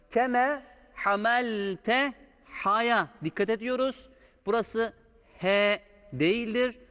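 A man with a high-pitched, somewhat bright voice patiently stretches out sounds to teach correct Quran pronunciation. It's a step-by-step recitation lesson recorded with long hall reverb.

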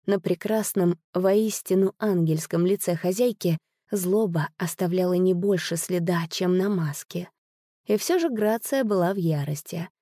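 A woman narrating a story audiobook in an expressive storytelling manner. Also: lowish voice, no echo, studio quality.

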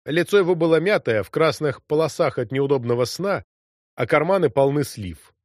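A man narrates a story in a vivid, dramatic reading. His slightly high voice moves in wide, lively swings. The recording is dry and close. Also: moderate pace, no room sound. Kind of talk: expressive audiobook narration.

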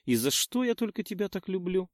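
A man's voice: high-pitched, big pitch swings, fairly quick, dry recording, clean studio sound, voice pushed up. A man putting on a mocking summer queen. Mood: amused, scheming. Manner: mocking, self-satisfied. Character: proud scheming woman, queen of summer.

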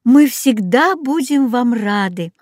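Kindly mother in a storybook, read by a woman, motherly, slow, close dry sound. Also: on the high side, lively intonation, darkish tone, dry recording. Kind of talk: storybook reading.

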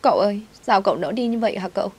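A woman's voice: mid-range voice, lively intonation, racing, a little mellow, slightly rough, pitched above the performer's own voice. A woman voicing a clingy, tearful young servant girl who whines and pleads. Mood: pleading. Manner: whiny, pleading.

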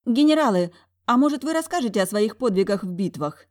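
A tactful, kind young sister, as a woman reader puts her on in a storybook reading. She speaks politely and brightly in a raised, quick voice. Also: on the high side, expressive, pitched above the performer's own voice, lightly acted.

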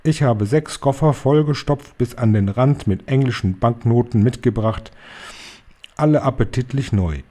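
A man's voice: mid-range voice, normal speed, warm tone, close to an everyday voice. A man reading a story aloud, voicing a tiny, furious female witch leader who shrieks and barks orders. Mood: domineering.

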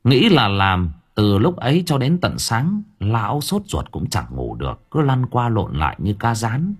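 Dramatic husky male horror narrator. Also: measured pace. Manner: dramatic, highly expressive storytelling. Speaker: audiobook narrator. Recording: faint background music.

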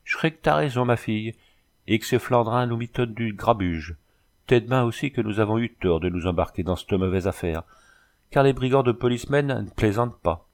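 Man as a rustic carter, gruff, excitable, blunt, deep voice. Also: brisk, lightly acted. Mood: agitated.

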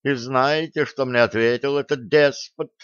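A cheeky little gnome hologram girl, put on by a man reading an audiobook, gossipy and gleeful, pitched somewhat higher than the narrator. Her voice comes out smooth and clear. The recording is dry and a touch dull. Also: steady tone, measured pace, a bit bright, no echo, lightly acted. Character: cheeky female gnome hologram, ship's program.

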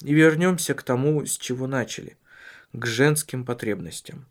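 A calm, tactful husband who probes gently but won't let a question drop, in a storybook reading, as a male reader voices him. His tone stays measured and earnest, at a mid pitch. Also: natural voice. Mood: earnest, probing.

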